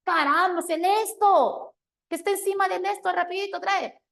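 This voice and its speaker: A woman voicing a rushed, irritated mother who barks out hurried orders. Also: sits high, voice pushed up. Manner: snappish, impatient, hurried orders.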